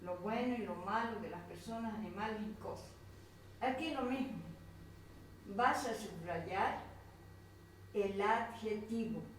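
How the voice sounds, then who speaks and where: Colombian lady teacher going slow over a worksheet, very echoey room, faint hiss. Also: medium pitch, recorded from a distance. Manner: patient, repeats and points at items on a page. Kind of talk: slow worksheet instruction to a pupil.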